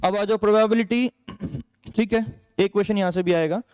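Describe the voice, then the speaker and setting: A man's voice: sits high, normal speed, a little mellow, clear, resonant tone. A male maths teacher from India giving an exam strategy lesson, chatty, checking in with students as he goes and mixing English subject terms into Hindi. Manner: chatty, checks in with "ठीक है", calls students "बेटा".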